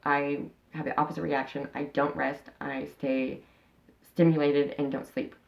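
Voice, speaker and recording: A creaky, low-pitched woman in her thirties speaks unhurriedly with little pitch movement, heard through dull audio. She's an interviewee and channel host, talking frankly and casually, rambling with frequent fillers and restarts.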